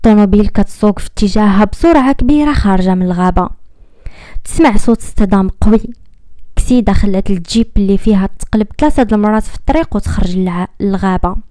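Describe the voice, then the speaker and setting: Warm-voiced Moroccan woman telling a dramatic story. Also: mid-range voice, dry recording. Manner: measured and dramatic, slowing at tense moments.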